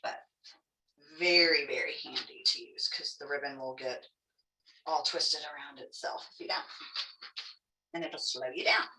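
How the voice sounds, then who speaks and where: A woman teaching a craft class in a casual, chatty, encouraging way, demonstrating step by step, with soft r sounds that lean toward w. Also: low-pitched, steady tone, unhurried, pauses often. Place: indoor room, teaching an online class. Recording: echoey room, distant microphone.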